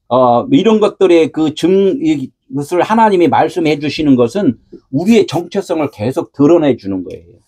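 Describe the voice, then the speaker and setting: Man, pastor, sermon, high voice, lively pitch swings, husky tone, rhetorical questions. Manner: asks the congregation rhetorical questions and answers them; raises his voice to shout like a preacher.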